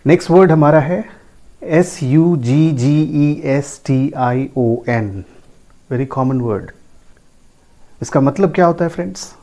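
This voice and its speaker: A man with an Indian English accent teaching pronunciation, slowly repeating each word and often asking his listeners if they follow. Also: a little high, warm tone. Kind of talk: slow, emphatic pronunciation lesson.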